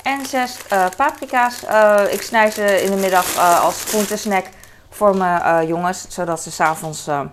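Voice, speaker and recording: A woman's voice: mid-range voice, normal speed, a little hiss or hum. A woman in her thirties, a mother, chatting casually and hesitantly while showing her grocery haul. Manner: chatty, rambling, many hesitations. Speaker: vlogger.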